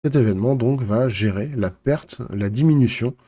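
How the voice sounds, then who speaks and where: Man, tutorial teacher; mellow, low-key tone, patient step-by-step explaining with filler words. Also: moderate pace. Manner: relaxed explaining, frequent fillers and self-corrections. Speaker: game development tutorial teacher. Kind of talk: screen-recorded software tutorial.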